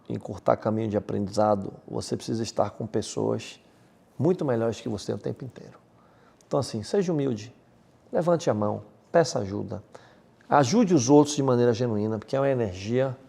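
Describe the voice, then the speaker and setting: A man from Salvador, speaking as a podcast guest in an energetic, slangy, emphatic way. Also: lowish voice, gravelly, breathy edge. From Salvador, Bahia, Brazil. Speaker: guest, M&A advisor. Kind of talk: casual podcast interview.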